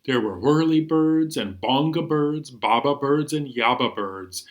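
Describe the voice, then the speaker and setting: Reading and singing for young children, this male storytime host and librarian speaks a little slowly with a medium pitch and lively intonation. He's playful and expressive, suddenly punching certain words during his animated stories and songs.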